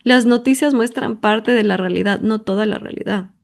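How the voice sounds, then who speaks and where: Emphatic woman, slightly high voice. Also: moderate pace, a little mellow. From Ecuador. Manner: emphatic, talkative, piles up intensifiers and "o sea" fillers. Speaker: podcast host. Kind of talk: personal monologue.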